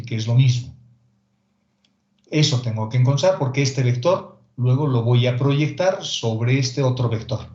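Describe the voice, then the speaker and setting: A man's voice: medium pitch, a little mellow. A male math teacher giving a recorded calculus lecture, explaining step by step and directly to his students. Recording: echoey room, dull lo-fi sound.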